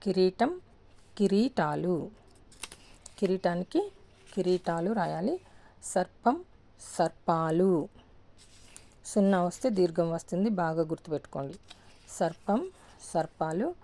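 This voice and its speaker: A woman gives a grammar lesson at a very slow, deliberate pace. Her voice is mellow and a little low, and she says each word pair twice. She asks her own questions and then answers them. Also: very animated, vocal fry. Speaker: teacher.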